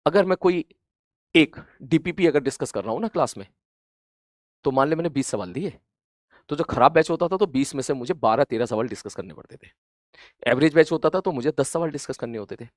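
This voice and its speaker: A man teaching students in an earnest, gently scolding motivational talk, repeating points for emphasis and rising loud and high when he urges them on. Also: expressive, a little fast, no room sound, studio quality. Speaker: coaching teacher.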